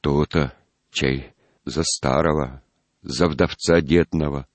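A man's voice: extremely low pitch, fairly even intonation, takes it slowly, no echo, full character voice. A man reading a storybook aloud, playing a jealous, bitter young peasant recruit who talks in a sulky, trembling way.

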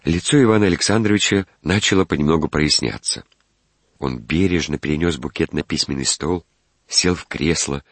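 A man narrating a classic story in a measured, expressive reading. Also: a bass voice, dry recording.

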